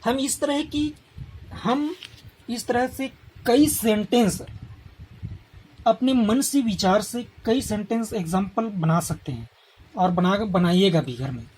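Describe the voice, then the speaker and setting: A woman teaching a grammar lesson who repeats each example slowly and quizzes the listener. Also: mid-range voice, a little mellow, a little hiss or hum.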